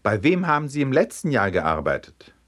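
A man's voice: medium pitch, big pitch swings, normal speed, fairly bright tone, pitched above the performer's own voice. A man voicing a strict, irritable middle-aged judge who blusters and later mocks with false friendliness. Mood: stern.

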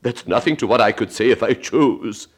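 A man's voice: medium pitch, normal speed, slightly rough, voice pushed up, close to an everyday voice. A man voicing a prim, pompous old duchess who is fond of morals.

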